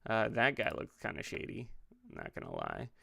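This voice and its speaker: Gravelly, lively-voiced man thinking aloud. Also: fairly low pitch, moderate pace. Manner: rambling, joking asides, thinks out loud. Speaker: pastor and livestream host. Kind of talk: casual livestream, building game characters while chatting.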